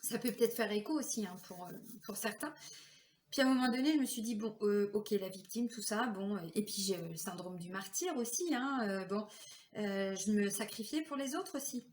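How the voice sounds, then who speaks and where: A mid-range, slightly mellow female voice tells a personal story at a moderate pace; she's a vlogger and card reader. She's chatty and uses many fillers, occasionally voicing the people she quotes. There's reverb and slight background noise.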